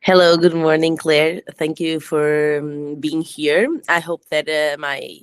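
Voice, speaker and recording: A woman's voice: deep voice, flat delivery, takes it slowly, clean tone, no room sound. A woman with a Portuguese accent, a guest on an interview podcast, telling her story in English with many hesitations and restarts. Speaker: guest, fashion entrepreneur.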